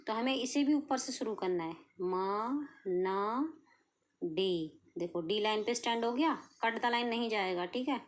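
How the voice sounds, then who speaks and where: Teaching shorthand, an Indian woman explains the lesson step by step at a normal speed in a slightly high voice. She patiently makes sure students follow, checking in with frequent "clear?" and "okay".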